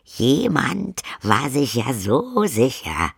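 A man's voice: on the low side, big pitch swings, normal speed, gravelly, a bit bright, husky, dry recording, studio quality, heavily acted. A man voicing a sulky, scornful vampire daughter who talks back to her parents. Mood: defiant. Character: sulky, scornful young vampire daughter, 200 years old.

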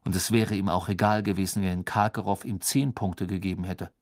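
A man narrating an audiobook in an expressive storytelling voice, recorded close in a studio. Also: low-pitched, a little fast, no echo. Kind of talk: scripted narration.

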